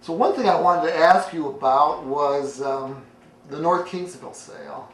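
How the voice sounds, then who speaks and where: A man's voice: fairly high pitch, a little slow, a bit bright, roomy sound, far from the mic, poor audio. A man hosting a morning interview show, asking loose, rambling questions.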